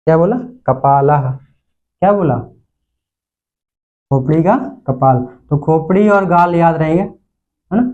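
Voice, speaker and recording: A man's voice: a little high, slow pace, long pauses, narrow, tinny audio. A man teaches Sanskrit words in a classroom lecture. He repeats each term, then asks and answers his own questions. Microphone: recorded lesson video.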